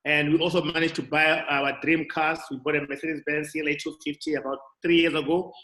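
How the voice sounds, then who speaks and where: A man from South Africa pitches a business opportunity over a video call. His voice is bright and forceful, sits a little high, and carries a roomy echo. He stumbles through restarts and fillers as he goes. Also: little pitch movement. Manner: halting, many restarts and fillers. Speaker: guest speaker on a call. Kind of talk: motivational sales presentation. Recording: echoey room audio.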